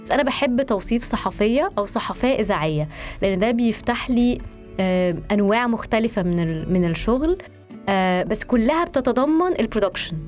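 Egyptian woman in her 30s chatting in an interview, quick, switches between arabic and english, bit of music. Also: a little high, expressive, a little mellow. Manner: mixes English words and phrases into Arabic. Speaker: podcast guest, journalist and producer. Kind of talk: conversational interview. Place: studio.

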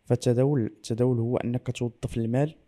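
Man, Moroccan Arabic accent, quick pace, soft dark tone, explanatory interview talk, French and English loanwords. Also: mid-range voice, steady tone. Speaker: trader interviewed as guest.

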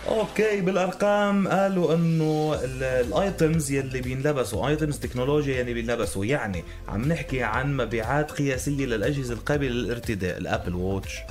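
A man's voice: medium pitch, quick pace, few pauses. A man with a Lebanese accent co-hosting a radio morning show in upbeat, emphatic banter. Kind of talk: lively radio banter and promotion. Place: radio studio. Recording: music bed behind the voice.

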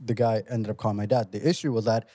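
A man co-hosting a podcast, telling a story in a casual, animated way. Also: on the low side, fast, no echo. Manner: animated storyteller who acts out other people's lines. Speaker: podcast co-host.

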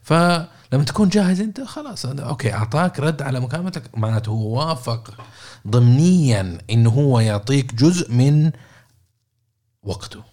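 A man's voice: mid-range voice, expressive, a little fast, warm tone. A man giving a casual coaching talk, repeating words and checking in with listeners by asking questions. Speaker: podcast host and coach.

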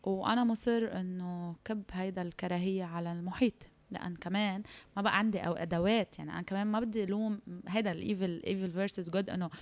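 A woman's voice: medium pitch, steady tone, fast. A woman with a Lebanese Arabic accent hosting a casual interview discussion, often switching into English words.

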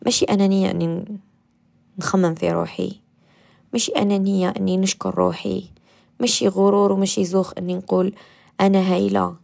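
Gravelly, gentle Algerian woman guiding meditation. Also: medium pitch, flat delivery, fast, long pauses. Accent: Algerian Arabic. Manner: gentle, coaxing, repeats affirmations, drops to soft whispers. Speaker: radio host. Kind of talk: guided meditation and self-affirmation talk.

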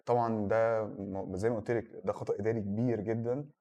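A man with an Egyptian Arabic accent talks through sports news in a conversational way. His voice is fairly low and dark, and he speaks extremely fast. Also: fairly even intonation. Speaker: regular sports commentator.

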